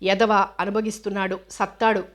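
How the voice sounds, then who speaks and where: Young village man, blunt, protective, gruff rural speech, level delivery, voiced by a woman narrator. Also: medium pitch, flat delivery, moderate pace, close to an everyday voice. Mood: resolute.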